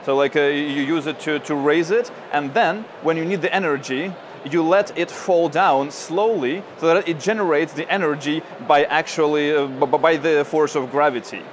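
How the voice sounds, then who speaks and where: A man's voice: a little high, normal speed, a little hiss or hum. A man from Ukraine, a tech journalist in his thirties, answering interview questions with lots of fillers and restarts. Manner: hesitant, many fillers and restarts. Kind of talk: conference interview.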